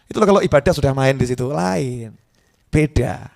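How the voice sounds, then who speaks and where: A man's voice: medium pitch, normal speed, gravelly, a little mellow. A middle-aged male preacher, giving a joking, conversational sermon to a live audience.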